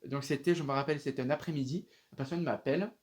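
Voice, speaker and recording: A man's voice: fairly high pitch, fairly even intonation, fast. A young man casually telling a personal story to viewers, rambling with many fillers and restarts. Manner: addresses viewers directly.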